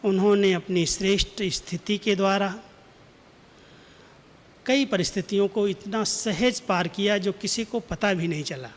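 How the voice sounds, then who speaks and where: Spiritual teacher, male, high voice, gentle storytelling with acted quotes, long hall reverb. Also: a little slow. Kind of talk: spiritual class talk with anecdote.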